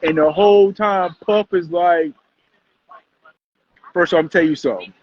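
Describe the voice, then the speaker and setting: A man hosting a casual livestream recap, rambling and animated with constant fillers. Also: high-pitched, moderate pace, muffled recording, a little hiss or hum. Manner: rambling, animated, heavy use of "like". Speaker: host.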